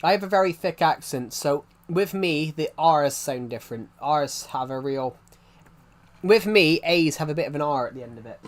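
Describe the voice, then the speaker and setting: A young British game streamer from outside London, with a thick regional accent, chats casually on a live stream. His voice is a little high and expressive at a moderate pace, and he rambles, repeats himself and keeps restarting his sentences.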